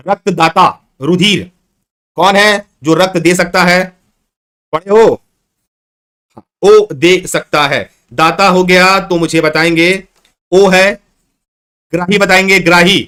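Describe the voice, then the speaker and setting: A man's voice: high voice, pushed and bright, clean tone. A man teaching a live online exam-prep class, repeating questions and coaxing his students to answer. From Chhattisgarh, India.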